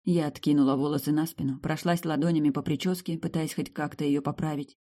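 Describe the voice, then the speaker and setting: A woman reading a first-person romance fantasy novel aloud as an audiobook narrator, with lively shifts in tone. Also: sits low, fast. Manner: lively, sharp tone shifts between quips and narration.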